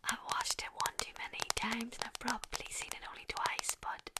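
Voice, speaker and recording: A woman in her thirties whispering affectionate, chatty ASMR to viewers in a breathy voice, very close to the mic. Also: fairly quick. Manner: affectionate, chatty, uses endearments. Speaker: ASMR livestream host. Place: indoor living room. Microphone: large desktop condenser mic, very close.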